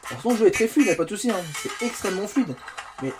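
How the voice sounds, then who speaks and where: A man's voice: high-pitched, sing-song, very fast, music in the background. Chatty French tech reviewer, a man. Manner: chatty, self-mocking asides. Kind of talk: casual game-testing commentary. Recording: faint background noise.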